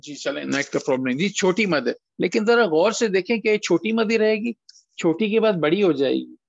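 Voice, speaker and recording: High gravelly-voiced male tajweed teacher, patient, dull lo-fi call sound. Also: lively intonation, no room sound. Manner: patient, asks students questions, drawn-out model words. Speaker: Quran recitation teacher. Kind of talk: online tajweed class. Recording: dull lo-fi online call audio.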